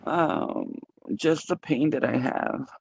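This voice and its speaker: A man chatting casually as a guest on a live-stream panel, relaxed and commiserating. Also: a little high, slow pace, vocal fry, slightly rough, no room sound.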